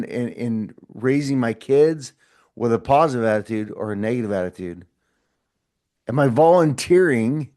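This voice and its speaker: With a medium-pitched voice and a darkish tone, a middle-aged man gives a casual motivational talk to camera for his short podcast. His delivery is earnest and encouraging, full of repeats and restarts.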